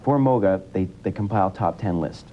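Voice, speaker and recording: Deep-voiced teen guest, old broadcast sound. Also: male voice, fairly quick. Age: teens. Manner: relaxed, rambling with many fillers. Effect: old 1980s TV broadcast sound. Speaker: student guest. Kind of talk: casual broadcast interview. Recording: dull lo-fi 1980s TV broadcast with faint rumble.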